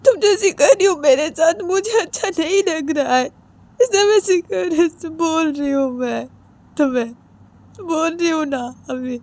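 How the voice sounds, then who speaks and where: A woman voicing a hurt young woman who cries while scolding her girlfriend, in a high, tearful voice. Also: a little slow, darkish tone. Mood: tearful anger. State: crying.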